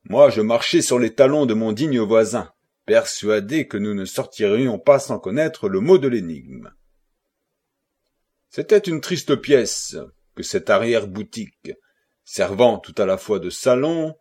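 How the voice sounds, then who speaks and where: A man narrating a classic novel for an audiobook, in a measured and expressive reading style. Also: fairly low pitch, breathy edge. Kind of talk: scripted narration.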